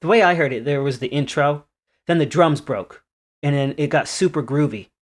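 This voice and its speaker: A man co-hosting a podcast in casual chat, laughing often while giving relaxed opinions. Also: a little high, normal speed. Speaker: podcast co-host.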